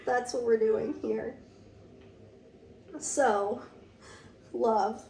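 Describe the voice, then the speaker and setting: A young woman talks through a casual podcast conversation, her voice a touch hoarse and her thoughts earnest and reflective, full of little "like"s. She sits a little away from the mic in a roomy space that carries a clear echo. A faint hush of background noise sits under her voice. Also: fairly high pitch, steady tone, drawn-out words, distant mic. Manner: reflective, earnest, frequent "like" fillers. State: slightly hoarse from a sore throat. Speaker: podcast co-host. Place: room with door open to rain.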